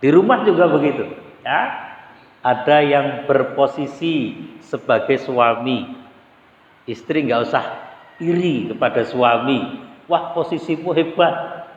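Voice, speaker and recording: A man giving a relaxed, conversational sermon in a mosque, asking his listeners rhetorical questions. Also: mid-range voice, slow, long pauses. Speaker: Islamic preacher. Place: mosque hall. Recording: echoey hall, dull lo-fi sound.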